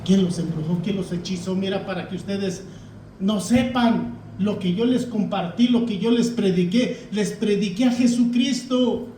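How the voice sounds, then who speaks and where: A man's voice: high voice, normal speed, mellow, slight background noise. A man, a pastor giving a folksy, conversational sermon and often addressing the congregation as brothers. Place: church hall. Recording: echoey church hall, distant mic.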